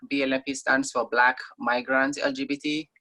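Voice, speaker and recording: A woman's voice: very deep voice, flat delivery, moderate pace, pushed and bright. A woman from Somalia, a guest in a conversational interview, talking in an earnest, thoughtful way with frequent ums.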